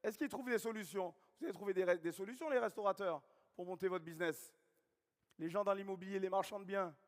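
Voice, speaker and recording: A man with a Guadeloupean accent giving a network marketing training seminar, repeating key points and questioning the audience. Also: fairly high pitch. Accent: Guadeloupean French. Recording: long hall reverb.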